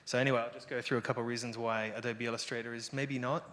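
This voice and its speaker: A man's voice: mid-range voice, flat delivery, racing, a bit bright, a little hiss or hum. Irreverent man giving an informal lightning talk. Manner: irreverent, sweary, wry; rambling and conversational, peppered with "you know". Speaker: lightning talk speaker, developer and illustrator.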